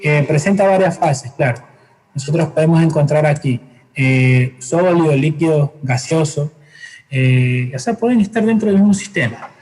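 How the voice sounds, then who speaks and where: A man teaching a science class, explaining patiently with everyday examples, often pausing to hesitate and correct himself. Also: a little high, animated, a little mellow, poor audio. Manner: frequent hesitations and self-corrections. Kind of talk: classroom lecture.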